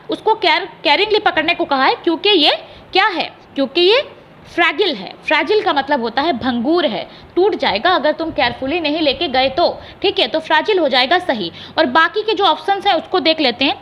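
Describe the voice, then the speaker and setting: A woman's voice: very high voice, a bit bright. A woman teaching an exam-prep English lesson. She explains each answer step by step, spells words out letter by letter and keeps checking in with her students. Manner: reads English questions slowly and deliberately.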